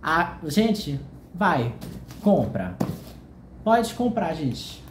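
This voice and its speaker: A man with a Brazilian Portuguese accent, excitedly unboxing a book on a casual vlog, gushing and jittery with nerves. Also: fairly high pitch, very slow, echoey room, noisy background. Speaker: vlogger. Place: hotel room.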